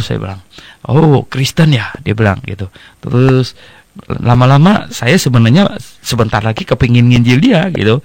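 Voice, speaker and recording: Older male pastor from Indonesia, gravelly voice, dry close sound, anecdotal teaching style. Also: mid-range voice, a little mellow, no echo. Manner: storytelling, frequent "ya" and "eh" fillers.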